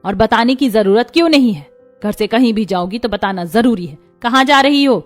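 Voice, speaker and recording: A woman's voice: on the high side, lively intonation, normal speed, soft background music. A woman voicing a strict but caring middle-aged mother-in-law in a cartoon, with a commanding, scolding manner.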